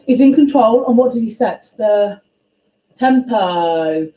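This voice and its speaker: A woman teaching a class, her fairly high voice dark and mellow in tone. She questions and encourages her pupils briskly, recorded in an echoey classroom with faint room ambience. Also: expressive. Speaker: music teacher. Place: school classroom.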